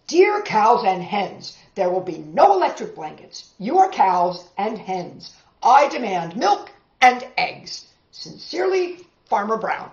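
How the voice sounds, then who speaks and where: A woman voicing a furious, incredulous male farmer from a children's storybook, with emphatic, drawn-out exclamations. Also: mid-range voice, big pitch swings, darkish tone, roomy sound, highs cut off. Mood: stern, demanding. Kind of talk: children's storybook read-aloud.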